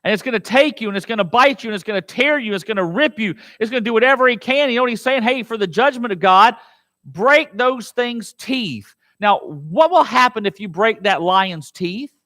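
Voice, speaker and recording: Animated pastor preaching with a lively voice. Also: male voice, high voice, fast talker, few pauses. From United States. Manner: animated preaching, dramatic quotes and questions to the congregation. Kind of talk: sermon. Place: church.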